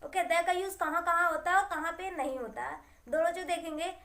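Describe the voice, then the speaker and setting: Very high-voiced female teacher, quizzing and answering herself, echoey room. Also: fairly quick, a bit bright. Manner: asks questions and answers them herself, repeating key words. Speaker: English teacher. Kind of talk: classroom grammar lesson.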